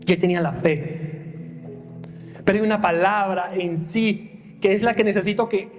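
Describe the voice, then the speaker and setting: A man's voice: high voice, steady tone, moderate pace, long reverb tail, soft background music. A young male preacher giving a sermon, dramatically acting out the lines of the people in the story. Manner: dramatic, acts out Bible characters' lines.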